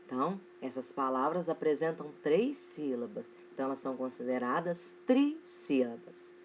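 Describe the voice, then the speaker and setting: A young woman from Brazil teaching a recorded online class for children, with a Brazilian Portuguese accent, stretching out words slowly as she dictates examples. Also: extremely low pitch, big pitch swings, darkish tone, slight background noise. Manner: slow, stretched-out word dictation in a rising voice.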